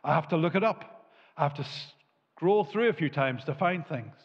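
A man, preaching a sermon from a lectern, gesturing widely and swinging from emphatic peaks to quiet asides. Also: a little high, lively intonation, moderate pace. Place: church hall with a lit tree behind a lectern. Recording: muffled, with long hall reverb.

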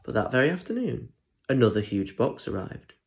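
This young adult man with a British accent has a mid-range voice that's gravelly, a little mellow, and sing-song, at a moderate pace. He reads a children's picture book expressively for primary school listeners, chatting to them directly in asides. He's in a small indoor room at home, recorded on a phone or tablet at arm's length.

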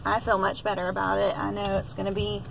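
A young woman talks to her phone camera from behind the wheel, chatty and rambling, with plenty of ums. Her mid-pitched voice has a gravelly fry to it. Loud road noise hums under everything. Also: monotone, fast talker. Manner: chatty, rambling, upbeat, many fillers. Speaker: vlogger. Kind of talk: casual chat to camera. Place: inside a car on the road.

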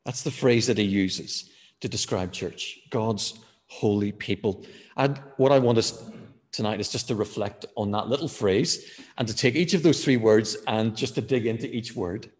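Man preaching in a reverberant church. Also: fairly low pitch. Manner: measured preaching with fillers, slowing to stress key words. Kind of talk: sermon.

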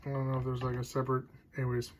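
In this phone-camera clip, a man rattles through a casual product demo at an indoor table, very fast and completely flat in delivery. His pitch sits in the middle, and his chatty sentences keep trailing off and restarting. Background noise includes radio and tape music.

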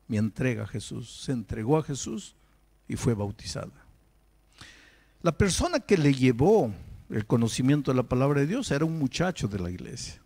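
A male pastor telling a story in a sermon, emotional, with sudden raised emphasis and slowed phrases. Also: fairly high pitch, a little mellow.

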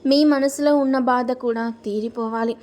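A woman voicing a young man, a gentle and concerned grandson who coaxes his grandmother to speak. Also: on the high side, fairly even intonation, normal speed, close to an everyday voice. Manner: gentle, coaxing.

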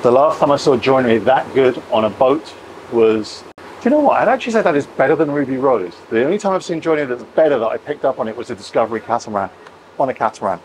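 A man in his forties, a vlog host wearing a clip-on lapel mic, gives an enthusiastic, emphatic walk-through tour to camera inside a boat under construction and a large boatyard shed, repeating phrases as he goes. His mid-range, darkish voice is animated and fast. The low-quality recording carries slight background noise.

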